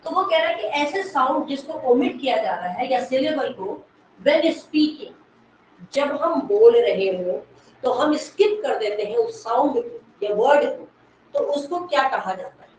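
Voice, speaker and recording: A woman English literature teacher giving an exam-prep lecture, explaining slowly, repeating key words and quizzing the class. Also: high-pitched, expressive, darkish tone. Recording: echoey room, mic far from speaker, faint noise.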